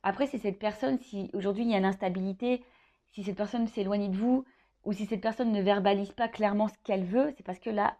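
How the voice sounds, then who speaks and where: On a muffled recording, a woman hosting a love horoscope offers improvised tarot guidance directly to the viewer. Her mellow, medium-pitched voice runs a little fast with fairly even intonation. She hesitates and thinks aloud, repeating phrases and tossing in frequent "hein" tags.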